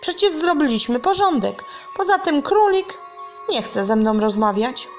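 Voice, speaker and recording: Bouncy, boastful cartoon tiger played by a woman, high and loud, slow gravelly delivery. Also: big pitch swings, faint music behind, heavily acted. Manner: exclaiming, playful made-up words.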